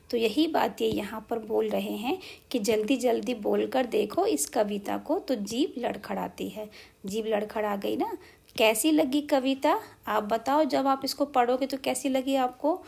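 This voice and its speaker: A woman teacher going through a children's textbook, explaining slowly, reciting verse lines and asking the pupils questions. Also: fairly high pitch, vocal fry, darkish tone, slightly rough.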